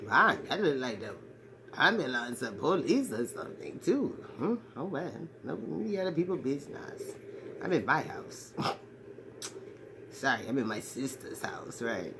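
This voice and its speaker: The woman's voice is exaggerated, extremely low, and very animated, delivered at a measured pace as she plays a crude, brash ladies' man in his forties. Rambling to camera in a comedic monologue, she's in a small, cluttered bedroom with a phone at arm's length and a noisy background.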